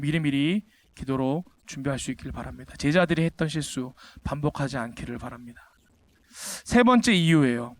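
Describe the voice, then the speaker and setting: A man preaching a sermon at a church service, emphatic and full of rhetorical questions put to the congregation, surging sharply upward to drive points home. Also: fairly high pitch. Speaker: pastor.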